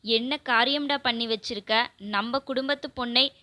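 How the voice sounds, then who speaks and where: A woman's voice: a little high, moderate pace, sharp tone. A woman voicing an angry, ashamed father who speaks harshly. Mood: angry shame.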